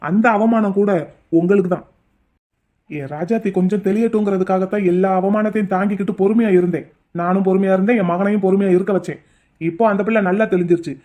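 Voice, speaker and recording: Casting: a man as a proud elder father, fast, firm and defiant. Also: sits high, fairly even intonation, darkish tone, lightly acted.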